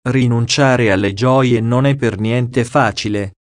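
A man reading a diary aloud in a solemn, measured way as an audiobook. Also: mid-range voice, no room sound, clean studio sound. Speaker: audiobook reader.

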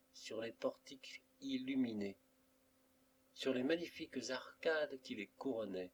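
A man reading a classic novel aloud as an audiobook, in a measured literary way. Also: lowish voice, slight background noise. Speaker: audiobook reader. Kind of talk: scripted narration of a classic novel.

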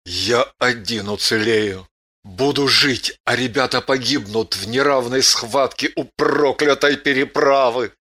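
A woman's voice: fairly low pitch, animated, takes it slowly, a bit bright. A woman reading an audiobook, voicing an earnest, restless young male warrior pilot who keeps asking questions.

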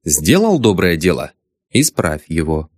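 Male audiobook narrator, dramatic reading, lively pitch, dry close studio sound. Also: a little slow, no room sound.

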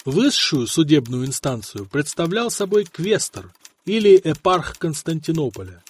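A man reading a historical novel aloud in measured scripted narration. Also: a little high, very animated, breathy edge. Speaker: audiobook narrator.

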